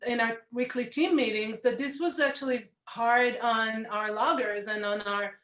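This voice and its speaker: A woman documentary producer speaking frankly and in a measured way in an interview. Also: on the high side, steady tone, fairly bright tone. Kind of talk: remote interview answers. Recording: echoey room.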